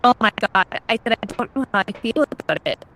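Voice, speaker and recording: A woman's voice: a little high, animated, brisk, bright, forceful tone. A woman co-hosting a game live stream, giving short, blunt replies and swearing freely. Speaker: streaming co-host. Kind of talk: casual live-stream chat.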